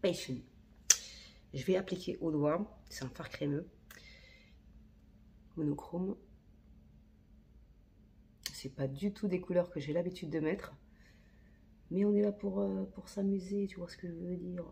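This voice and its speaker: A woman's voice: fairly low pitch, fairly even intonation, a little slow, gravelly, pauses often, mellow. A woman chatting casually while filming a makeup tutorial on her phone, slangy and talking to herself as she works. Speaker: beauty vlogger. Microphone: phone camera.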